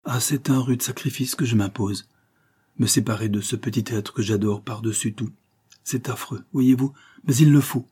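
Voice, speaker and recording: A man voicing a young grieving noblewoman, husky. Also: mid-range voice, normal speed, mellow. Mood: grave resolve. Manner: tender, restrained anguish. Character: young grieving woman, a banker's daughter.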